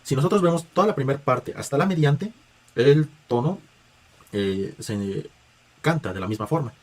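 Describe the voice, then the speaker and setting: A man with an animated, mid-range voice gives a patient spoken music lesson at a moderate pace. As a music teacher, he guides students through chant tones, using filler words and restarting at times.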